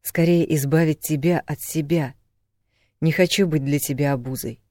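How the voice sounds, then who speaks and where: A man reading an audiobook, voicing a calm, self-mocking adult werewolf in a gentle, dry manner. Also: fairly high pitch, moderate pace, no echo, lightly acted.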